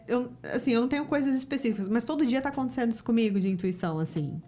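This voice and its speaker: A woman from Rio de Janeiro with a Carioca accent, talking reflectively as a podcast guest in a casual interview. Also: mid-range voice. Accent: Carioca Portuguese. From Rio de Janeiro, Brazil. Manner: reflective, talks about spirituality with many fillers.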